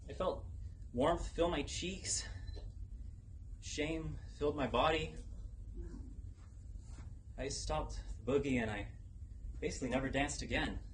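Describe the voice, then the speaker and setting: A young man delivering a rehearsed personal story as a competition speech, deliberately and dramatically, pausing for effect. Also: medium pitch, rough recording. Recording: noticeable background noise, live event ambience.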